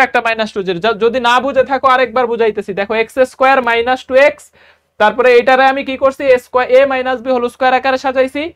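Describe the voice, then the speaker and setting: Chatty Bangladeshi math tutor, smooth voice. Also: male voice, very high voice, a bit bright. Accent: Bangladeshi Bengali. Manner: chatty, repeats key steps, asks students quiz questions. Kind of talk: casual exam-prep lesson.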